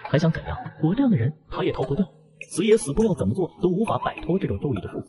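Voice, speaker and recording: A man's voice: on the high side, sing-song, very fast. A man voicing a hot-tempered young nobleman under a curse, speaking in bitter, resentful outbursts within a comic recap. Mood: furious.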